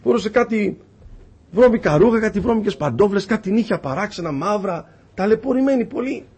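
A man's voice: high-pitched, expressive, a little mellow, husky. A man preaching a sermon with passion, telling stories and acting out the dialogue in them. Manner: impassioned, acts out dialogue in stories.

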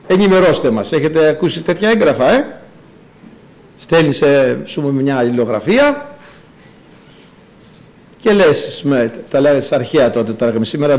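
A man preaching a sermon, emphatic and conversational, repeating phrases for effect and dropping in asides to his congregation. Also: mid-range voice.

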